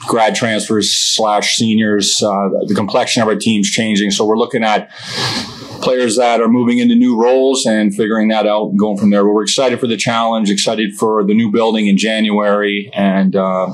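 A man head coach giving measured, appreciative remarks at a press conference. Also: on the low side, flat delivery, low-quality recording.

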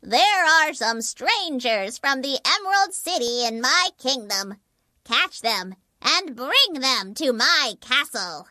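A woman doing a slow, menacing wicked witch. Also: sits high, sing-song, sharp tone, no room sound, full character voice. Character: wicked witch, cruel commanding queen.

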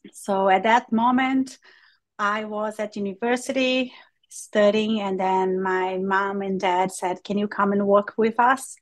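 A woman from Brazil, a native Portuguese speaker with a Brazilian accent, telling her story as an interview guest in a halting way full of fillers. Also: mid-range voice. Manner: halting, with many fillers and restarts. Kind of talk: conversational interview.

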